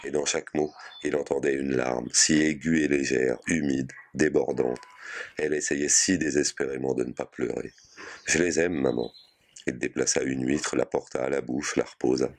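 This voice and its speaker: A man reading a short story aloud in a measured, sober way. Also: extremely low pitch, flat delivery. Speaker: reader.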